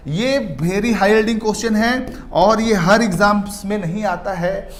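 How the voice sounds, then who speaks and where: A male biology tutor with a high voice gives an exam-prep lecture over slides, asking questions and answering them himself. He mixes in English terms and drawls key words slowly.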